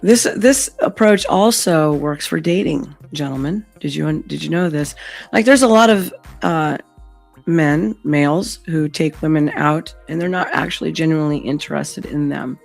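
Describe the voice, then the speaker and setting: A woman with a hoarse, gravelly voice, losing it to laryngitis, hosting a casual live stream in a blunt, sweary manner. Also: deep voice, moderate pace, darkish tone, faint music behind.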